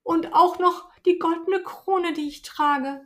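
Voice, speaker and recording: A woman voicing a young princess from a fairy tale, high and pleading. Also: fairly even intonation, takes it slowly, a bit bright, slight background noise, heavily acted. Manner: high, pleading, breathless promises.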